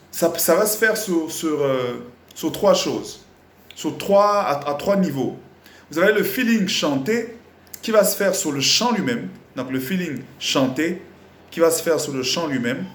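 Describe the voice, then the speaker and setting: A man teaching a live singing lesson, explaining slowly and repeating himself with many fillers, breaking into short sung examples. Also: a little high, roomy sound. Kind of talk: live online music lesson.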